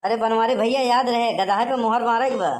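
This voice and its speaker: A woman's voice: a little high, steady tone, fairly quick, a little mellow, close to an everyday voice. A woman voicing a crafty male village headman in a cartoon, bossy and lecturing in an Awadhi accent. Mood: coaxing. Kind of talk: cartoon comedy voice acting.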